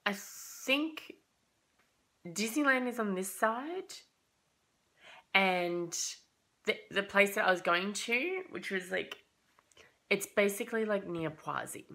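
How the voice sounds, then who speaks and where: A young woman with a slight cold, casually telling a travel story for her vlog in an animated, chatty way full of "like" and quoted thoughts. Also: mid-range voice, takes it slowly, creaky, pauses often. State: has a cold, coughing. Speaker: vlogger.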